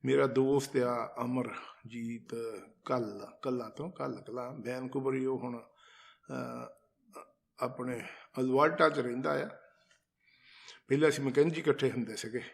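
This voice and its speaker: A man's voice: mid-range voice, steady tone, a little slow, creaky, pauses often. A man telling a personal devotional story in a casual, conversational way, retelling conversations and turning to his listeners with asides. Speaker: storyteller sharing a devotional account. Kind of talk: casual spoken testimony.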